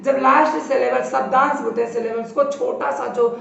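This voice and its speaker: Slow, echoey high-voiced woman teaching grammar. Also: steady tone, vocal fry, fairly bright tone. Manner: slow, repetitive explaining at a board. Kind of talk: classroom grammar lesson. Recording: very echoey, distant, dull lo-fi room.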